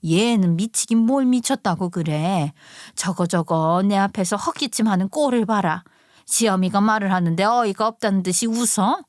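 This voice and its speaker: A woman's voice: mid-range voice, normal speed, no echo, clean studio sound, lightly acted. A woman voicing a domineering older mother-in-law who talks in a bossy, scornful, scolding way.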